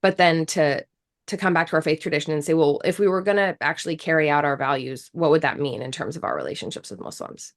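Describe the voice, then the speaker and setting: This low-voiced woman talks fast. She's in her thirties, from the United States, and speaks English as her first language, appearing as an interview guest whose casual talk is earnest and reflective, with frequent restarts.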